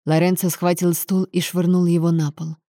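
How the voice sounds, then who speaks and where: A woman reading a novel aloud as a narrator, with even, measured storytelling. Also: fairly low pitch, dry recording, clean studio sound. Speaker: audiobook narrator. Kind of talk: scripted narration.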